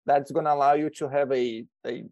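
A man's voice: mid-range voice, fairly even intonation, darkish tone, no echo, lo-fi sound. Brazilian man, 30s, podcast guest, hesitant restarts, dry sound. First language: Portuguese. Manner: halting, many restarts and repeated words. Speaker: extension educator guest. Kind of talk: podcast interview.

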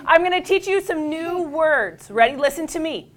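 A woman's voice: high-pitched, lively intonation, normal speed, a bit bright. A woman using a kindergarten teacher voice, leading young children in songs and action games with simple, repeated, encouraging instructions.

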